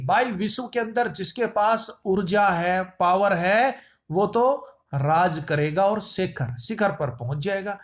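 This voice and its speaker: High-voiced playful man teaching quiz tricks. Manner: playful wordplay, repeats lines. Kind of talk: memory-trick quiz lesson.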